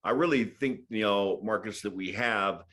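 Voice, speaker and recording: Low-voiced man from Hawaii, podcast guest, musing, filler-heavy chat. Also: normal speed, a bit bright. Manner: thoughtful, many fillers and restarts. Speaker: podcast guest, sports broadcaster. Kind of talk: casual interview chat.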